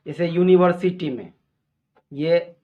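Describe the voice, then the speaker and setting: Male language teacher, slightly high voice, very slow, careful delivery, dull lo-fi recording. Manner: slow, deliberate, spells out examples. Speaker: English teacher. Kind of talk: explanatory lesson in Hindi.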